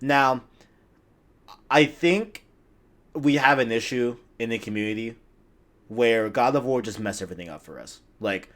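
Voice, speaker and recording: A man in casual podcast chat about games talks in long, animated runs. He keeps checking in with "right?" and leans on "like" to string his thoughts together. His voice sits mid-range for a man. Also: medium pitch, measured pace, long pauses. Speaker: podcast co-host.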